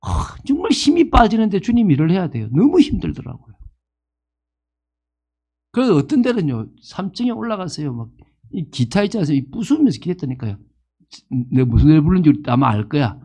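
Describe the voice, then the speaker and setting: A man's voice: a little high, big pitch swings, brisk, mellow. A man in his fifties preaching a sermon as pastor, asking the congregation questions and acting out the people he quotes. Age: 50s.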